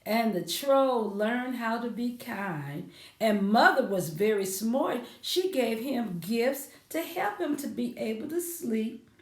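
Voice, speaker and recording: Taking it slowly, a woman with a slightly high voice and lively intonation presents rhymes and stories for children, inviting them to join in with a sing-song, coaxing style. The recording is distant from the mic and echoes in a roomy space.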